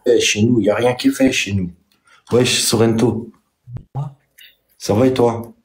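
A man's voice: mid-range voice, steady tone, measured pace. A man in casual chat who insists on his point over and over. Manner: insistent, repeating himself.

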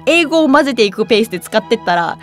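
A young woman hosts a casual web radio show, reading trivia aloud in a high, bouncy, rapid-fire voice. She keeps breaking off into giggly, excited comments while faint music plays behind her.

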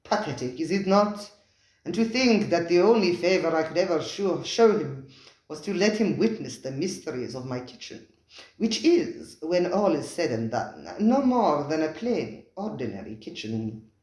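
A reader performs Spiro, a theatrical, vehement restaurant owner who speaks with grand emphasis and ends his questions with "eh?". The voice is mid-range and somewhat dark, natural-sounding, at a moderate pace with wide pitch swings, grand and insistent in mood. The recording sounds roomy and echoey.

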